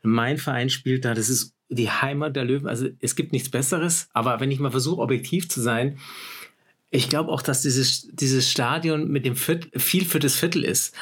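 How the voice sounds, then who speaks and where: A man hosting a casual podcast interview, relaxed and agreeable, often chiming in with short affirmations. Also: medium pitch, normal speed, breathy edge. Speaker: podcast host.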